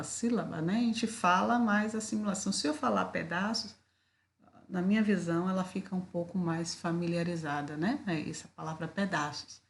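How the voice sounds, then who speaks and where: Her voice is lowish and creaky as she delivers a recorded video lesson. She talks slowly and deliberately, often using fillers and asking rhetorical questions.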